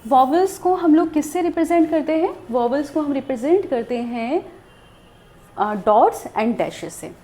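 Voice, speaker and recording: Lively high-voiced woman teaching. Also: moderate pace. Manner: patient, explanatory, repeats "theek hai". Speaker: shorthand teacher. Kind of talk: recorded lesson.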